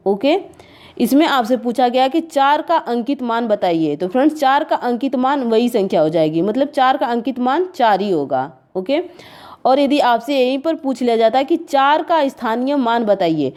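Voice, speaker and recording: A woman's voice: a little high, a little mellow. A woman tutor going through exam questions and answers, calling her viewers friends and saying "okay" after each point.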